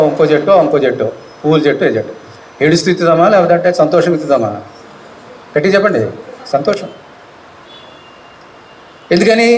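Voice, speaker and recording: A male pastor with a Telugu accent preaches at a rapid clip, his voice pitched fairly high. He fires questions at the congregation and calls out to them. The sound carries the echo of a church hall. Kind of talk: sermon.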